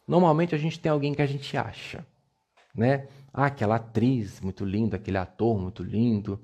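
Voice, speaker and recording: Husky-voiced man coaching on a livestream. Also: mid-range voice, moderate pace, mellow. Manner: playful, coaxing, repeats words for emphasis. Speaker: live-stream self-esteem coach. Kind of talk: motivational live-stream talk.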